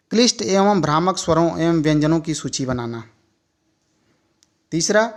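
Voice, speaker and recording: A man giving a teacher-training lecture, reading points one by one in a measured way with pauses. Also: a little high. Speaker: teacher educator. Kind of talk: slow lecture reading from notes.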